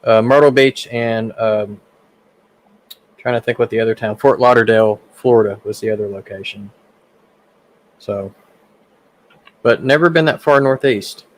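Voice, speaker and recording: A man's voice: on the low side, moderate pace, pauses often, no echo, low-quality recording. A man from central Arkansas with a Southern accent, chatting easily as co-host of a livestream and adding details as he goes. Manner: easygoing, adds details as he goes. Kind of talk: casual livestream chat.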